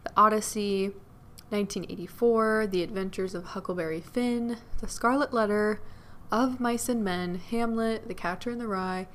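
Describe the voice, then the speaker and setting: A young adult woman co-hosting a podcast, relaxed and quick to laugh. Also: mid-range voice. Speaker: podcast co-host. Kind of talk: casual chat.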